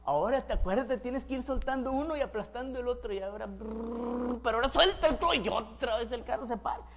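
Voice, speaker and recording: Woman giving a sermon, kinda high voice, asks the crowd stuff, does little brrr car noises. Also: quick pace, noisy background. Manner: animated, acts out everyday scenes with sound effects; asks the audience questions. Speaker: preacher.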